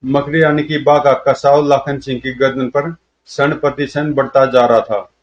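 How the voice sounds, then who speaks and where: A male storyteller reads out a comic-book adventure with dramatic flair. His voice sits at a middling pitch, and the recording is dull and lo-fi. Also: little pitch movement, normal speed.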